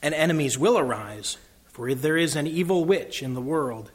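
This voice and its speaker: A solemn, kingly lion, as a man reads him aloud addresses his new subjects gravely and formally. His voice stays fairly high for a man and moves in a steady, measured way. The part comes from a storybook read within a sermon.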